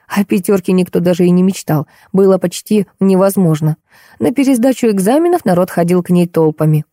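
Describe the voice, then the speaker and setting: A woman narrating a detective novel audiobook in an even, measured way. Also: lowish voice, dry recording, clean studio sound. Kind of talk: scripted narration.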